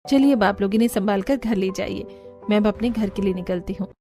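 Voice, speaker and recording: A woman's voice: medium pitch, brisk, mellow, soft background music, close to an everyday voice. A woman voicing a kind, modest young woman in a cartoon, polite and caring. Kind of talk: cartoon voice acting.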